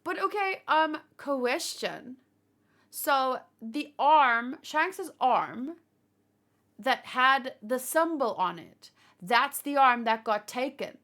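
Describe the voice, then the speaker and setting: Her voice is high-pitched, bright and forceful, animated yet slow, even though hours of streaming have left her tired. As host, she rambles casually to live viewers, thinking out loud and spinning fan theories.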